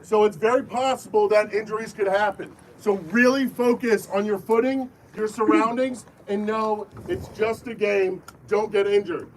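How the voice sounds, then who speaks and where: High voiced guy running a safety briefing outside, bossy call and response, kinda far off from the mic. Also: fairly even intonation, normal speed, hardly any pauses. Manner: firm, call-and-response, commanding. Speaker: airsoft event briefing leader. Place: outdoor airsoft field. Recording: distant voice with faint background noise.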